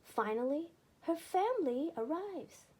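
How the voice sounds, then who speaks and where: Emphatic phrasing fills this high-pitched woman's narration of a children's book, which she reads aloud in an expressive, deliberate storytelling manner.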